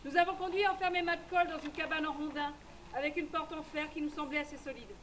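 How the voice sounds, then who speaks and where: A woman narrating in the first person as a tough frontier woman, telling her story briskly and matter-of-factly. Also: high-pitched, fairly even intonation, a bit bright, slight background noise.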